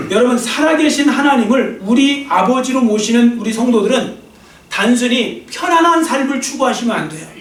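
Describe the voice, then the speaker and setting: A man preaches with a strikingly high voice, pressing his points hard and turning to the congregation with quick jokes. He is picked up from some distance away, so his voice carries the echo of a church sanctuary. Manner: emphatic preaching, addresses congregation directly, jokes with them. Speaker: pastor. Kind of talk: sermon.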